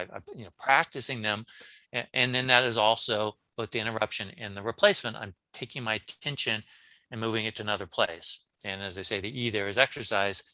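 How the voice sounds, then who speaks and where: A man, a brain coach on a podcast, talking casually in an interview, telling animated stories with frequent restarts. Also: medium pitch, dry recording. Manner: animated storyteller, many restarts.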